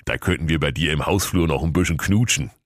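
A man's voice: very deep voice, fast talker, no room sound, studio quality. A man voicing a smug, bumbling young suitor, the prince of a comic fairy tale.

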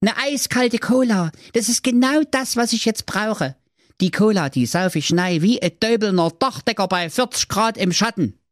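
A man's voice: sits high, lively intonation, normal speed, no room sound, clean studio sound, voice pushed up. A man voicing a brash, greedy young brother in a raised, crude comic voice.

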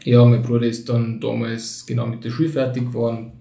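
Chatting casually as a podcast guest, this twentysomething man, Turkish by birth and Tyrolean by upbringing and accent, speaks a little fast in a monotone. His medium-pitched voice is warm, with vocal fry. He's reflective and hesitant, using many fillers, and the audio sounds roomy and echoey, picked up from somewhat away from the mic.

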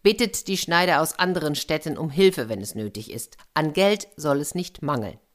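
A woman's voice: deep voice, expressive, moderate pace. A woman voicing a bold, clever soldier in a children's fairy tale, speaking politely and confidently.

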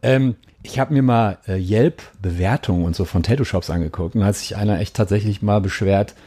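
A man's voice: lowish voice, fairly quick, dark tone. A man hosting a podcast interview, easygoing and slangy, agreeing often while asking his guest questions. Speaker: podcast host. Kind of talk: casual interview chat.

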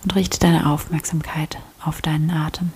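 A woman leading a guided prayer meditation, speaking softly and often in a half-whisper with calm instructions. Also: low-pitched, moderate pace, breathy edge. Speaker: prayer leader.

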